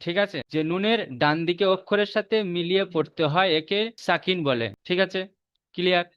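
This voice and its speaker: A man with a Bengali accent teaching Quran reading in a recorded online lesson, repeating rules and slowly drawing out each letter. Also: high voice, fairly bright tone, clear, resonant tone, no echo. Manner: slow drawn-out spelling of letters, repeats rules for memorizing. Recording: dull muffled lo-fi audio.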